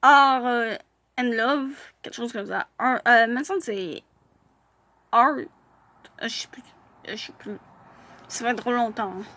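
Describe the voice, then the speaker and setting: A woman's voice: a little high, unhurried, long pauses, sharp tone. A woman chatting casually in a vlog as she reviews fan profiles, hesitating often with filler sounds and restarts.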